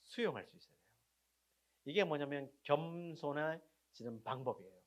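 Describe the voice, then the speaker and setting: A male pastor preaching a sermon, putting questions to the congregation and answering them himself, and swinging from loud emphatic lines to very quiet endings. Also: a little high, animated, normal speed.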